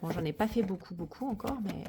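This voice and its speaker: A coloring hobby vlogger gives a casual tour of her coloring corner, chatting in a friendly, hesitant way. Her voice sits lowish, animated and quick, with some vocal fry, and there's background noise.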